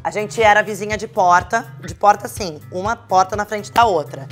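A woman's voice: mid-range voice, moderate pace, soft background music. A woman in her thirties from Brazil, chatting casually to camera and telling stories about her friends. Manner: chatty, acts out quoted dialogue. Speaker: vlogger.

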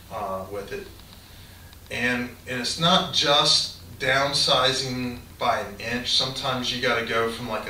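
A man's voice: medium pitch, far from the mic. Middle-aged man explaining fishing tips in a roomy garage. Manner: relaxed, rambling, gestures with hands while explaining. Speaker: fishing channel host. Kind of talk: casual instructional talk to camera. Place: cluttered indoor garage. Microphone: camera mic from a few feet away. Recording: roomy garage echo, off-mic, faint hiss.

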